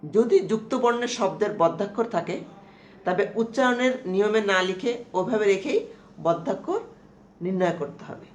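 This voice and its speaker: A woman teacher giving a slow, explanatory lecture, repeating terms and asking checking questions. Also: mid-range voice, expressive. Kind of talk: lecture on Bengali prosody. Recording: echoey room with faint noise.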